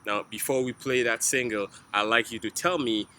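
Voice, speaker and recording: A man hosting an interview, asking smooth, prepared questions. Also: medium pitch, steady tone, moderate pace, sharp tone, slight background noise. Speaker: interviewer host.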